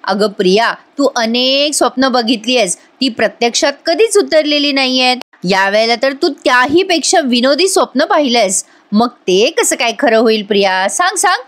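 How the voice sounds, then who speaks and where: A woman voicing a confident young wife who answers a rival with calm, teasing sweetness, in a dramatized recap of a TV serial. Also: high voice, moderate pace.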